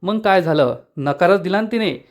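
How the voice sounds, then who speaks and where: A man's voice: high voice, lively intonation, normal speed. A man reading as a stubborn teasing young village woman. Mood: pressing.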